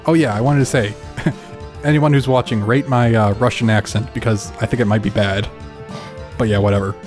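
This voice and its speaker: A man's voice: fairly low pitch, steady tone, moderate pace, music in the background. A man co-hosting a game let's play, chatting casually in a rambling way and chuckling often. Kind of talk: casual chat over gameplay.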